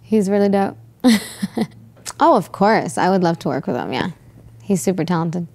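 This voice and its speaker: A woman's voice: lowish voice, expressive, moderate pace, gravelly, a little mellow. A young woman, a singer from the United States, chatting casually in a studio interview on a lapel mic, bubbly and chatty with lots of fillers and easy laughter. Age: young adult. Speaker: guest pop singer. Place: studio with green and purple backdrop.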